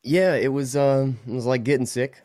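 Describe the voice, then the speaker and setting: A man's voice: medium pitch, steady tone, normal speed, darkish tone, dry recording, studio quality. A man chatting as a podcast guest, stuffed up from a recent illness, telling stories with lots of fillers and laughs. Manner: rambling, laughing storyteller with many fillers. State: congested, recovering from illness. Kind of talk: casual interview chat.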